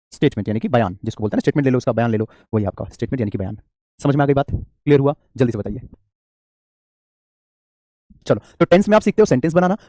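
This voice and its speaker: Fast-talking mellow male teacher. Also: mid-range voice, no echo, studio quality. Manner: explains by asking his own questions and answering them; affectionate toward students, calls them child. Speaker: English teacher. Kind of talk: classroom-style grammar lecture.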